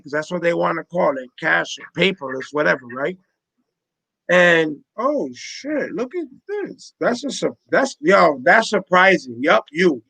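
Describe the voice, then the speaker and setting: A man's voice: high-pitched, creaky, a bit bright, no echo. A man in his forties hosting a casual panel chat on a video call, emphatic and full of street slang, repeating his points. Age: 40s.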